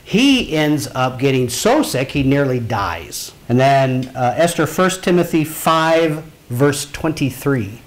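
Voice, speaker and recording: Man teaching a relaxed Bible class. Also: mid-range voice, takes it slowly. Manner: conversational, asks the class questions. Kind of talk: informal Bible lesson to a class.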